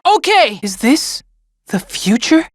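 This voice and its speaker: Excitable, very high-voiced boy hero. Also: slow pace, exaggerated voice. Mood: excited. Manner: earnest, boyish, excitable. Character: eager, cheerful, naive boy angel hero.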